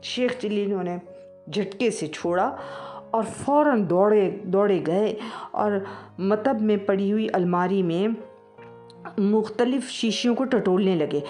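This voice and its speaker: A woman narrating a comic story in a lively storytelling manner. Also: medium pitch, faint music behind.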